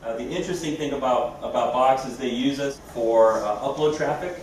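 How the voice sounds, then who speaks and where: A man's voice: mid-range voice, fairly quick, darkish tone. Very echoey, distant man presenting a demo. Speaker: company presenter. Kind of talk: live product demo presentation. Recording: echoey room, distant mic, clear background noise.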